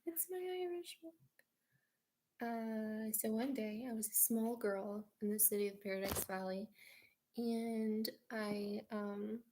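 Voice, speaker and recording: A woman's voice: mid-range voice, level tone, slow, mellow, slight background noise. American woman vlogger, drowsy, dreamy, rambling storyteller. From United States. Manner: dreamy, meandering, many fillers and "like". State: sleepy.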